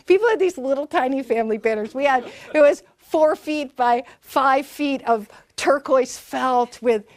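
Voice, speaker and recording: A high-voiced woman in her fifties from Maine speaks at a measured pace, with no echo. As a performer and guest being interviewed at a library talk, she rambles through family stories, full of fillers and restarts.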